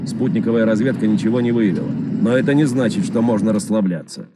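An actor voicing a calm male commander who gives mission briefings in dubbed video game dialogue. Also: fairly low pitch, quick pace, heavy background noise, close to an everyday voice. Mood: steady. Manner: businesslike, matter-of-fact.

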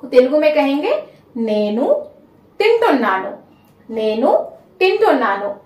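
A woman teaching a spoken language lesson, speaking slowly and repeating each phrase so learners can note it down. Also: sits high, big pitch swings, echoey room, recorded from a distance.

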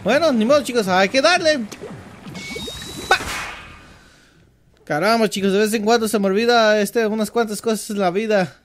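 A man with a Mexican accent hosting let's play commentary, joking and teasing himself with playful shouts. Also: high voice, moderate pace, pauses often, background noise. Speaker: gaming channel host. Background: game music.

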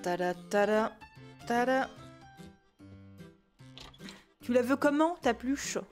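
This is an exasperated mother in a comic game role-play, voiced by a woman. She scolds and nags her unruly little son with a slightly high voice, punctuating orders with tag questions and mild curses. Faint music plays behind her. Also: expressive, a little slow, a little mellow. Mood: exasperated, scolding. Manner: scolding, peppered with "hein" and mild swearing. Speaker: gaming video creator.

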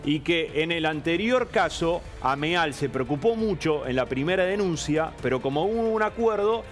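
A man's voice: a little high, animated, normal speed, faint music behind. A man on a TV sports panel, arguing his point and repeating himself. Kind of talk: TV panel discussion. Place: TV studio.

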